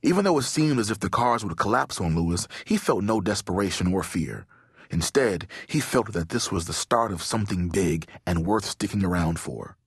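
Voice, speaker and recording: A man reads a children's audiobook with expressive storytelling, his fairly low voice rising and falling widely. There is a husky grain to it, and the recording is dry and close. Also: normal speed, no room sound. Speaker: audiobook narrator. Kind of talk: scripted audiobook narration.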